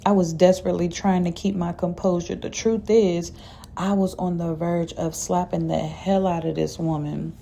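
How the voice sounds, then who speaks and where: A woman reading a first-person story aloud, dramatic and casually profane. Her voice is low and mellow, with a gravelly fry running through it. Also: level tone, normal speed, a little hiss or hum.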